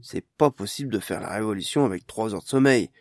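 A man's voice: lowish voice, a little fast, no echo, close to an everyday voice. A man playing a grumpy, tired companion. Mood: grumbling. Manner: grumbling, dry.

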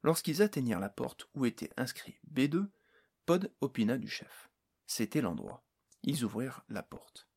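A man narrating a fantasy novel aloud, expressive, doing many character voices. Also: medium pitch, vocal fry, slightly rough. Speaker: audiobook narrator. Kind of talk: storybook reading.

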